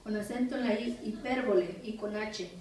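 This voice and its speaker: A woman's voice: mid-range voice, moderate pace, a little mellow. A woman pastor teaching a Bible study lesson, repeating phrases and spelling out words so listeners can take notes. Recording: echoey room from far off, faint noise.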